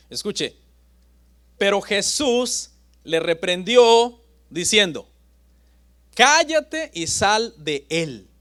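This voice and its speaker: A man preaching a sermon as pastor, with dramatic pauses and swings between loud and soft. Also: high-pitched.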